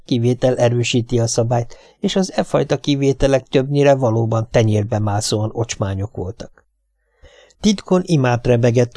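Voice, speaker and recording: Male audiobook narrator, steady, gravelly, dry close sound. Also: mid-range voice, dry recording. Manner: steady, measured storytelling.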